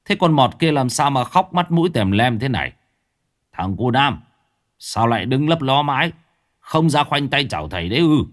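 A man's voice: mid-range voice, sing-song, moderate pace, pitched above the performer's own voice, lightly acted. A man voicing a drunken middle-aged father coming home late in a ghost story. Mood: drunk puzzled.

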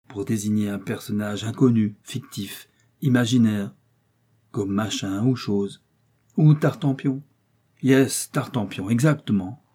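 A man voicing a boastful, excitable American detective who speaks French with an American accent, drawing out his words with emphasis. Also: on the low side, slightly rough. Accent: American English speaking French. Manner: emphatic, drawn-out, proud. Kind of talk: audiobook character reading.

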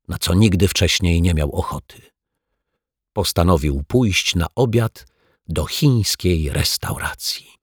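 A man reading a children's story aloud in a playful, expressive storytelling manner, close to the microphone. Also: low voice, husky, no room sound.

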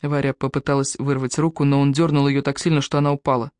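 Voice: mid-range voice, level tone, quick pace, a little mellow, smooth, no room sound. Dry, close audiobook narrator. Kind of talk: scripted novel narration.

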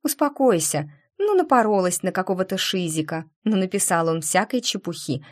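A woman voicing an excitable young female friend who talks loudly and eagerly. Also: medium pitch, close to an everyday voice. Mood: excited. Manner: loud, eager, quick to cheer up.

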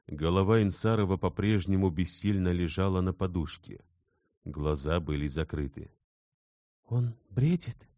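Deep, dark-voiced male narrator. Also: steady tone, no echo, clean studio sound. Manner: measured, dramatic storytelling. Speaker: audiobook narrator. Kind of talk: scripted literary narration.

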